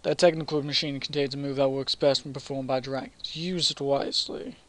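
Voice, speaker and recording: A man's voice: medium pitch, steady tone, fairly quick, a bit bright, natural voice. A man reading as a formal, solemn knight lord. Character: dignified male knight lord bestowing a title.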